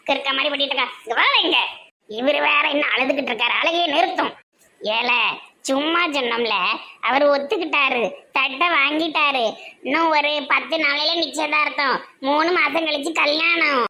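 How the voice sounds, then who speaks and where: A woman's voice: sits high, normal speed, pushed and bright. A woman with a Tirunelveli Tamil accent voicing a bossy, nagging village mother in a cartoon. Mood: scolding.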